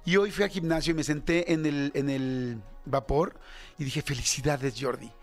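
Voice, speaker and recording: A radio host in his fifties with a Mexican Spanish accent speaks in a casual, candid monologue, often stopping to reach for fillers. His voice sits a little high for a man. Faint music plays under him. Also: normal speed. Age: 50s. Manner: candid, self-critical, chatty with many fillers.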